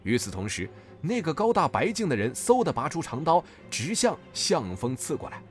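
A man's voice: on the high side, big pitch swings, moderate pace, soft background music. A man narrating a martial story dramatically, rising in the action scenes.

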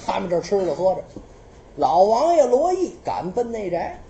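Animated Beijing woman storyteller. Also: medium pitch, moderate pace, echoey room, slight background noise. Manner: animated, lively, colloquial. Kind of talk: traditional storytelling performance.

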